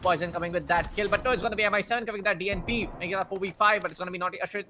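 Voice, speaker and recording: A man calling a live shooter-game match as play-by-play caster, excitable and quick, with lots of fillers and restarts. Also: sits high, noisy background. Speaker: esports caster.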